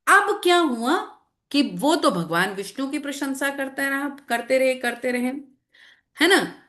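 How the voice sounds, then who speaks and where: A woman teacher telling a scripture story to children in an online class, animated and asking them questions as she goes. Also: sits high, unhurried. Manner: animated, repeats phrases, asks children questions. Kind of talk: storytelling lesson to children with slides.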